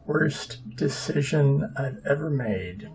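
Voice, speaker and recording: A man's voice: medium pitch, expressive, slow pace, darkish tone, slightly rough. A man narrating his own papercraft build in a casual, dry, sarcastic and self-deprecating way. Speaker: papercraft hobbyist.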